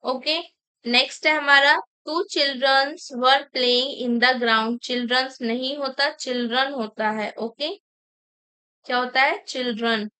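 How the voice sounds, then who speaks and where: A woman teaching an exam-prep grammar lesson, slowly dictating example sentences and explaining each correction. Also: high-pitched, fairly even intonation, bright, forceful tone, clean tone, rough recording. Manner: mixes Hindi explanation with English sentences.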